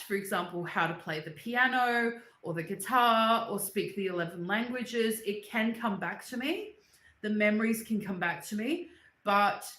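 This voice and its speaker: A woman with a medium-pitched, fairly bright voice hosts a casual livestream, rambling through personal stories and reading and answering viewers' comments. English is her second language, not her first. The room sounds echoey.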